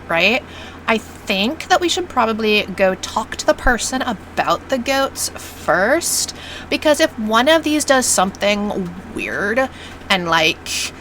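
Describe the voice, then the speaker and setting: A woman's voice: a little high, a bit bright, slight background noise, rough recording. A woman playing in a tabletop game, talking in rambling sentences full of "like.". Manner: rambling, lots of "like". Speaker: player. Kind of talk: tabletop role-play chat.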